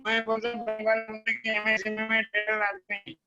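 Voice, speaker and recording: A man's voice: sits high, monotone, moderate pace, lo-fi sound, music in the background. Man on a call that keeps dropping out. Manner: checking whether he can be heard. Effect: call audio dropping out, voice breaking up. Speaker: caller to an online seminar. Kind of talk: asking a question over a bad call.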